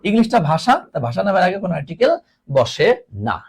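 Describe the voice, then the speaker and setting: A man's voice: high voice, very animated, fast talker, breathy edge. A man teaching an English grammar class, repeating each word and teasingly scolding his students. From Bangladesh.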